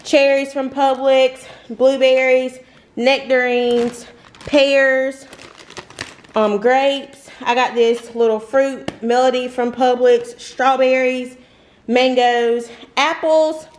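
A high, steady-toned voice speaks slowly as a young vlogger in her twenties talks through her groceries in the kitchen at home. She rambles and laughs often, and the counter-mounted camera picks up slight background noise.

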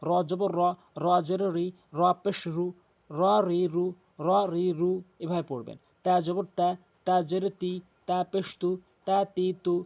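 A man teaching Quran reading, slowly drilling Arabic letter sounds over and over. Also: high-pitched, dark tone. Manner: slow, repetitive call-and-drill recitation.

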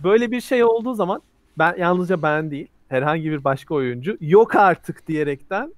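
A man's voice: fairly high pitch, animated, fairly quick, no room sound. A man running a tabletop role-playing game, explaining rules and narrating action scenes vividly. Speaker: game master.

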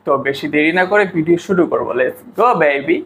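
A man's voice: fairly high pitch, lively intonation, fairly quick, heavy background noise. A young man hosting a reaction video, giving chatty, mocking comic commentary to his viewers from indoors on a clip-on mic. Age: young adult. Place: indoors against a plain pink backdrop.

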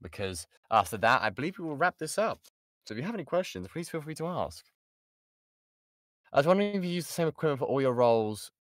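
This British voice actor has a fairly high voice and speaks quickly and with great animation, answering online workshop questions in a casual, self-deprecating way. It's a dry recording made on an XLR studio microphone in a padded home booth.

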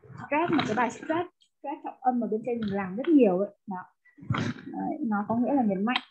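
Tutor on a tinny line. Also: female voice, fairly high pitch, lively intonation, moderate pace, a little mellow. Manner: explains step by step, mixing English words into Vietnamese. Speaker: English teacher. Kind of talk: one-on-one tutoring lesson.

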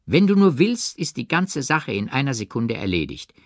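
A man reading an audiobook, voicing a jealous gentleman lover who presses with falsely gentle persuasion. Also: mid-range voice, sing-song, normal speed, dry recording, studio quality, voice pushed up. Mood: persuasive.

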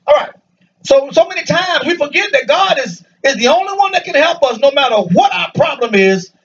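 A man preaching a lively sermon to a congregation in a church, joking and calling out for answers. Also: very high voice, a little fast. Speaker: pastor. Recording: dull, distant church recording.

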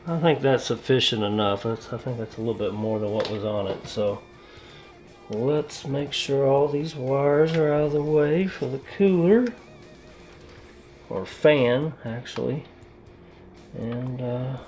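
Narrating casually and unhurriedly in a mid-range, slightly mellow voice, a man talks to himself while putting his computer back together and applying fresh thermal paste. This PC hobbyist vlogger rambles and makes self-deprecating remarks, with faint music playing.

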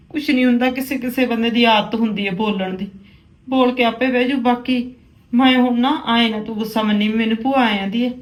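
A woman playing an aunt in a family drama, scolding and bitter, then soft and tearful. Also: a little high, reverberant, low-quality recording. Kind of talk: Punjabi domestic drama acting.

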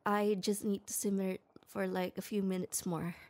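The delivery is flat and a little mellow, medium in pitch and moderate in pace. A young woman voices a gruff but kind shy tomboy in an ASMR roleplay, speaking to the listener close to the mic, hesitantly and with stammers.

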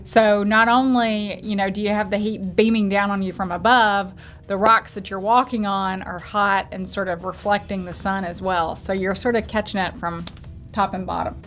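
A middle-aged woman with a mid-pitched voice gives earnest, practical tips in a travel vlog. Faint music plays under her commentary. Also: fairly even intonation, moderate pace, fairly bright tone. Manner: earnest, advising. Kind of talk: scripted commentary with co-host.

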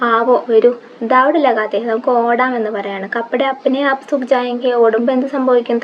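Lady teacher going line by line through a story, higher voice, kinda dull lo-fi sound. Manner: reads Hindi lines slowly, then explains and quizzes in Malayalam. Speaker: Hindi teacher. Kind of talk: line-by-line textbook explanation. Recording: dull lo-fi audio with faint background hiss.

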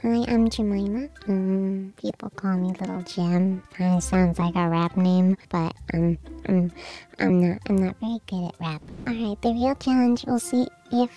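A woman's voice: fairly even intonation, moderate pace, mellow, soft background music. A woman speaking through a voice changer that morphs her voice up into a child's, playing a shy, giggly five-year-old girl in gaming voice chat. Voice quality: morphing, digitally pitched childlike voice. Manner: timid, giggly, hesitant with ums. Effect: voice changer shifting her voice up to a child's. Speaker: gaming video host.

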